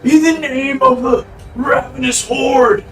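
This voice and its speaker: Man putting on a booming giant raider, shouted high. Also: steady tone, takes it slowly, roomy sound, far from the mic, soft background music, full character voice. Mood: menacing, shouting. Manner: menacing, commanding. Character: booming hostile male giant raider demanding surrender.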